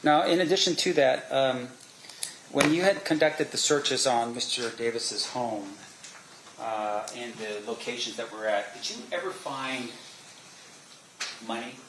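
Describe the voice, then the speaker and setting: A man doing a courtroom cross examination as an attorney, asking probing, leading questions with halting pauses. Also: medium pitch. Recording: roomy echo, faint background noise.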